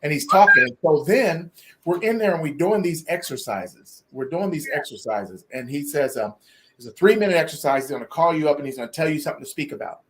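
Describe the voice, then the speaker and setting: A man being interviewed, telling stories in an animated way, often repeating words and acting out what others said. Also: a little high, a little fast. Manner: animated storyteller, repeats words, acts out quotes. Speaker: guest speaker. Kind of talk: interview storytelling.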